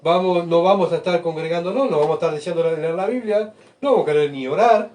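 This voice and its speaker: A man preaching a sermon, asking rhetorical questions and swinging between soft asides and loud emphatic bursts. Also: a little high, fast talker. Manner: rhetorical questions, keeps asking the congregation "¿verdad?". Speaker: pastor. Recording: voice picked up from far off.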